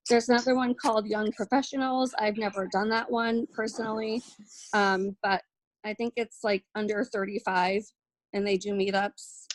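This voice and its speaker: In a dry recording made for video, a woman with a steady, medium-pitched voice and moderate pace leads an informal network marketing team training. Her talk is chatty, peppered with fillers and restarts, and she says she feels shy and nervous.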